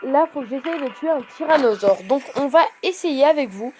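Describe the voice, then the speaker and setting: A young woman commenting casually on a mobile game she plays, chatty and hesitant, bursting out excitedly at her wins. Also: high-pitched, moderate pace, faint music behind. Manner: chatty, rambling, many hesitations. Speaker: gaming video host.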